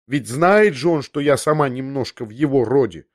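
A man's voice: medium pitch, lively intonation, moderate pace, natural voice. A man reading an audiobook, voicing a young noblewoman who confesses in a breathless, restless way, half talking to herself, in a slightly raised voice. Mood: agitated. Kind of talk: audiobook character voice.

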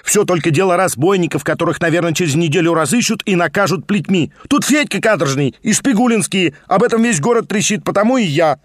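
A feverish young nobleman rattles on in a raised, quick, needling voice, as a male reader puts him on. He talks over everyone, insistent and fussy, recorded close and dry in a storybook reading. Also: high voice, animated, no room sound. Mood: frantic. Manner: chattering, rapid and insistent.

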